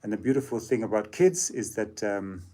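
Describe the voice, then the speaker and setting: A man who grew up in Zambia, a musician guest telling stories in a casual interview, reflective and pausing often with fillers. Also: fairly low pitch, lively intonation, warm tone. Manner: reflective, hesitant with many fillers.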